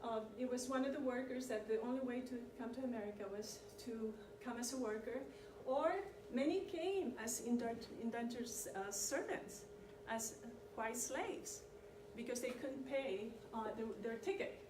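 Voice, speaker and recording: Far from the mic in an echoey meeting room, a middle-aged woman from Chile gives an informal community lecture on immigration history, chatting loosely and often checking in with her audience. Her voice is a little higher than most women's, at normal speed with hardly any pauses, over constant background noise.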